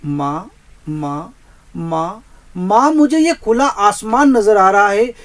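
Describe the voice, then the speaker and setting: A man's voice: high-pitched, lively intonation, slow pace, pitched above the performer's own voice, rough recording. A man reciting a poem in the voice of a young adult son, repeatedly calling out to his mother from a party. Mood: anguished. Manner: pleading, repeating "mother" over and over.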